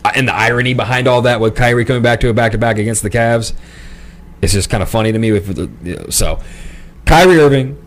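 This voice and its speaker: Man, co-host, laid-back, rambling, chuckling, mid-pitched, sports chat. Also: fast. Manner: laid-back, rambling, laughs while talking. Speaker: podcast co-host. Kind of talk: sports comedy podcast chat.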